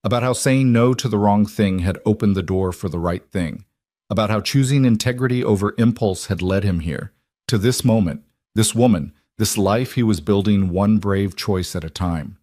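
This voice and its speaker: A man narrating a romance story in a calm, measured scripted storytelling voice. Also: fairly low pitch, no room sound, clean studio sound.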